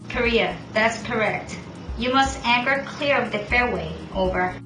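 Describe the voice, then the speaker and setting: A woman's voice: fairly high pitch, measured pace. A woman playing a port control operator on a marine radio call, speaking in clipped, formal radio procedure. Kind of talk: scripted maritime radio role-play. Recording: echoey room with music underneath.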